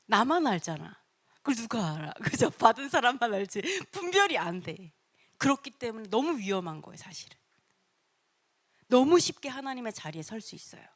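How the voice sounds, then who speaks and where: A woman teaching a church Bible study in an animated way, acting out short quotes and laughing often. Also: mid-range voice.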